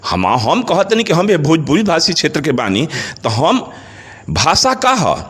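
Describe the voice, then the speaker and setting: A middle-aged man with a Bhojpuri accent speaking passionately in an interview, asking rhetorical questions and rising in pitch on his points. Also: huge pitch swings, unhurried, fairly bright tone, husky. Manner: emphatic, rhetorical questions, rises in pitch when stressing points.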